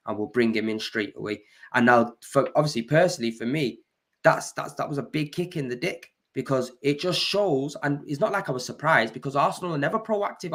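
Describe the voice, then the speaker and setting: Complaining fan, slightly high voice. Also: male voice, fairly bright tone. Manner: complains, tags lines with "bro" and "you get me". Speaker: football fan pundit. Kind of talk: casual chat.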